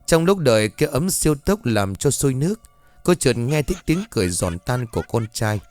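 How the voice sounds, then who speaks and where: A man's voice: mid-range voice, big pitch swings, a little fast, a little mellow, dry recording, soft background music. A man telling a scripted horror story, voicing every character himself. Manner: voices all characters himself, shifting tone for dialogue.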